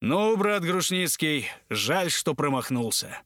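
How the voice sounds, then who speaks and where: A man doing a blustering, shouting dragoon captain. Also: on the high side, very animated, takes it slowly, no echo, studio quality, heavily acted. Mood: mocking. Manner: shouting, indignant.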